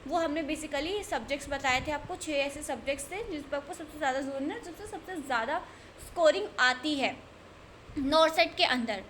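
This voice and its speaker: A woman's voice: high voice, a little fast, a bit bright, a little hiss or hum. A woman tutoring nursing exam candidates, speaking earnestly and repeating her points to urge them on. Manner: earnest, repetitive, urging. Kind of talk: exam-prep lesson talk.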